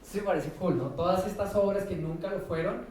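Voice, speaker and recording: A Colombian professor's informal conference talk comes across slangy and irreverent, peppered with short tag questions. His high-pitched, slightly mellow voice is a little fast with fairly even intonation. Faint noise, room echo and a distant mic color the recording.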